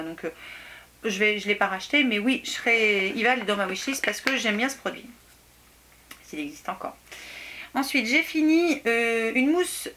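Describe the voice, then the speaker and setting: A woman's voice: medium pitch, fairly bright tone. Chatty French-speaking woman vlogger. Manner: chatty and hesitant, many fillers and restarts. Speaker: beauty vlogger. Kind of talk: casual product review.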